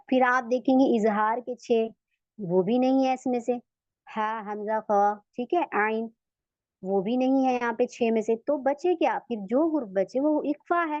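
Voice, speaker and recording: A woman teaching a recitation lesson to women. She patiently repeats each step and draws out sample words slowly. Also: a little high, no room sound. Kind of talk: online tajweed lesson for women. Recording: dull, lo-fi, dry sound.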